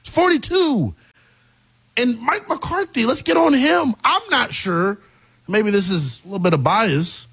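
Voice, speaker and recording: A man's voice: very high-pitched, lively intonation, measured pace, a bit bright, slightly rough, no echo. A man hosting sports talk radio, colloquial and emphatic, repeating phrases to drive his points home. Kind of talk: sports talk monologue and caller chat. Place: radio studio.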